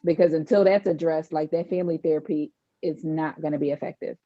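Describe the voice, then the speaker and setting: A woman therapist giving advice in a podcast conversation, talking in a measured, explanatory way. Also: low-pitched, fairly even intonation. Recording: dull lo-fi sound.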